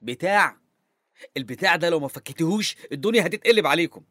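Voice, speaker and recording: A man's voice: fairly high pitch, lively intonation, quick pace, a bit bright, dry recording, studio quality. A man voicing a blustering captive young man. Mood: defiant. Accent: Egyptian Arabic. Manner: blustering, stammers when scared. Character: young man captive on an island of women, defiant.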